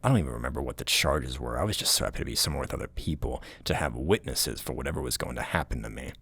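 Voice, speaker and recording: Very deep, gravelly, haunting male narrator. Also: animated, racing, a bit bright, dry recording. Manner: low, haunting delivery, at times breathy near-whisper. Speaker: horror story narrator. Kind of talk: scripted scary story narration. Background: music.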